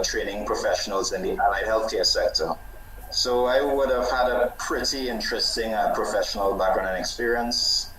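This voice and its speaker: A man's voice: lowish voice, a bit bright, reverberant, slight background noise, low-quality recording. A man from Trinidad, born in the US, introducing himself as a panel guest over a video call, hesitant and correcting himself as he goes. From born in the US, grew up in Trinidad. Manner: hesitant, starts with "well" and self-corrections. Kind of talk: self-introduction in a panel discussion.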